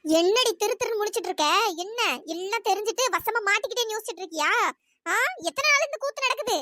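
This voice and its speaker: A performer voicing a sharp-tongued older aunt in a cartoon story, nagging and accusing. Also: extremely high pitch, animated, fast talker, no room sound, exaggerated voice. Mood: scolding. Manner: nagging, accusing, shouting insults.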